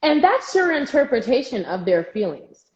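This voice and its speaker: A woman's voice: sits high, sing-song, moderate pace, darkish tone, echoey room, dull audio. A woman co-hosting a casual chat, talking emphatically and acting out the people she quotes. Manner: emphatic, opinionated, acts out quoted voices. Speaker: co-host.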